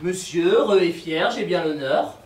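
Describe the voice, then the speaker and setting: Stage farce: male actor as a pompous formal husband, high-pitched, roomy distant sound. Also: unhurried, natural voice. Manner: stiff, ceremonious, formal. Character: pompous middle-aged male husband, former herbalist. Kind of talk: live stage comedy performance. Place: theater stage.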